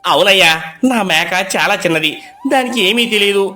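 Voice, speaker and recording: A man voicing a fussy villager pleading over his lost goat in a storybook tale, in a high, pleading voice. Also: animated, brisk, bright, forceful tone, faint music behind, heavily acted. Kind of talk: storybook voice acting.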